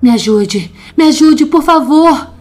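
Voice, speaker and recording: A woman's voice: medium pitch, slow, darkish tone, husky, soft background music. A woman voicing a terrified young man, crying out and pleading in a horror audio story. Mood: panicked. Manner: panicked cries and pleas. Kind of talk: dramatic audio-story reading.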